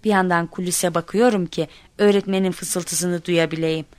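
A woman telling a comic first-person story in expressive narration, acting out shouts and cries. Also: on the low side, normal speed, no room sound. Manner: lively, acts out quoted shouts.

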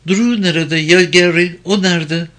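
A woman's voice: lowish voice, animated, moderate pace, fairly bright tone, pitched above the performer's own voice. A man voicing a wounded young woman who asks urgent, worried questions. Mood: alarmed.

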